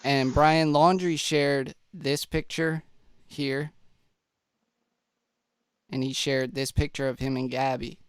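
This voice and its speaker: Male host, slightly congested and breathless, easy chatty delivery, middle pitch, clean dry sound. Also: fairly even intonation, slow, pauses often, clean tone, no echo. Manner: chatty, addresses viewers as guys, restarts. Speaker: true-crime video host. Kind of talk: casual presentation walkthrough.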